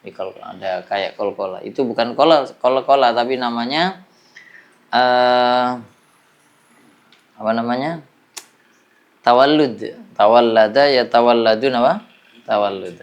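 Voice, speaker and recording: Patient teacher, male, unhurried classroom delivery, middle pitch. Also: muffled recording. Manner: slow, patient explaining, drilling examples, checks with "jelas ya". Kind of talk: classroom lesson on Quran recitation.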